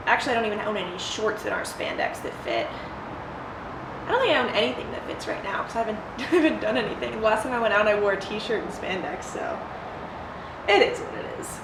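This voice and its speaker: A woman's voice: medium pitch, big pitch swings, fast talker. A young adult woman chatting informally and bluntly as she answers viewer questions in a solo vlog. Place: ice bath, sheltered outdoors or open to rain. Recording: roomy echo with clear background noise.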